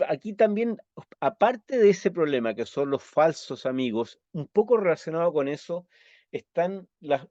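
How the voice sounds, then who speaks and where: A man's voice: fairly high pitch, a little mellow, no room sound. Chilean male teacher, patient explainer, muffled dry recording. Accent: Chilean Spanish. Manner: patient, checks understanding with quick tag questions. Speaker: Esperanto teacher. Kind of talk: explanatory lesson with slides.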